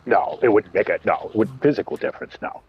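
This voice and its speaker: A man with a very low, deep voice talks through a farming game in a relaxed, chatty way. The sound is dull and lo-fi, like a cheap mic. Soft noise sits underneath. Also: fast. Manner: laid-back, chatty. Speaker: streamer host. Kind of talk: casual gameplay chat.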